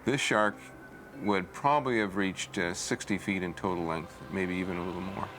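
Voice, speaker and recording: Low-voiced, hesitant man explaining. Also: fairly even intonation, normal speed, fairly bright tone. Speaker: shark fossil expert. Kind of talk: documentary interview talk. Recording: faint background ambient noise.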